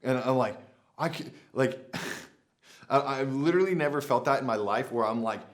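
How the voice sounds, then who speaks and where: A man's voice: mid-range voice, normal speed. A young man vlogging, telling a story casually to camera with lots of filler words and acted-out quotes. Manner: animated, many "like" fillers, acts out his own past lines. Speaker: adventure vlogger.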